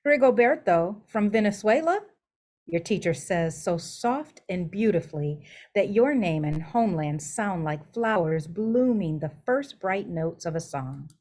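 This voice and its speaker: A woman with a fairly low voice reads a children's picture book aloud. Her storytelling is expressive and deliberate.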